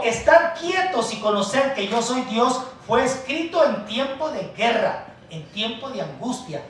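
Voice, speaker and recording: A male pastor preaches with emphatic stresses that drop to quiet asides, addressing his listeners as brothers. His voice rings through a very echoey church hall, picked up from well away from the mic, with a faint hum of room noise behind. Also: extremely high pitch, distant mic. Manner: emphatic, swings from soft asides to loud stresses. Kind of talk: preaching a sermon.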